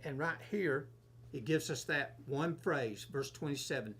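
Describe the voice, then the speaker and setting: A man, a pastor, leading a relaxed Bible study, reading verses aloud and explaining them, asking and answering his own questions. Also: on the high side, slightly rough. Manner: unhurried, asks himself questions and answers them. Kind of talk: conversational Bible teaching.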